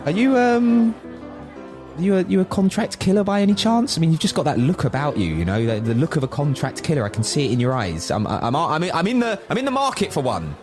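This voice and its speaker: A man's voice: a little high, huge pitch swings, fast talker, few pauses, over music. A man co-hosting a podcast, bantering and improvising silly sketches, stammering and jumping into voices. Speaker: podcast co-host.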